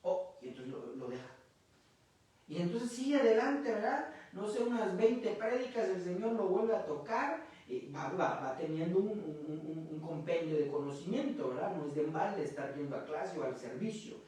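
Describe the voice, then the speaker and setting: A man preaches a sermon in a church, speaking slightly high and talking loosely, full of fillers and the repeated question "¿verdad?". His voice rings with heavy echo and sounds distant from the microphone, as though picked up from across a hall. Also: lively intonation, normal speed, a little mellow. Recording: very echoey room from a distance.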